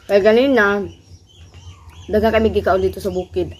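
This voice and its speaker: A woman's voice: mid-range voice, steady tone. A woman vlogger chatting casually to her viewers about the food she is eating in the countryside. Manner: slow, unhurried talk to viewers, mixing in English words. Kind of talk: casual food vlog chat. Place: outdoors in the countryside.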